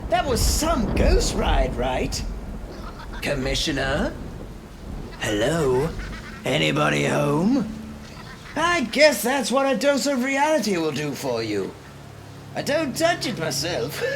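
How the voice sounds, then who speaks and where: Manic, creaky-voiced clown villain, the Joker. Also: male voice, sits high, background noise, heavily acted. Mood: mocking. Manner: mocking, showman-like, cackling, wildly swooping. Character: manic, sadistic clown villain taunting with theatrical glee. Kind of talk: theatrical radio drama villain monologue. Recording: amateur radio drama under loud music.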